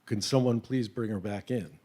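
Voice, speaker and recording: A man's voice: lowish voice, normal speed, dark tone, lightly acted. A man voicing a hot-tempered male restaurant owner and chef who splutters and barks orders. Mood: apologetic.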